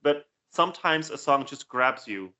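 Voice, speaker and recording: A man's voice: fairly high pitch, lively intonation, normal speed, pushed and bright. A man co-hosting a casual reaction chat, opinionated and analytical, restarting phrases as he builds his case. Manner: opinionated, analytical, repeats words as he builds a point. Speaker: co-host reacting to songs.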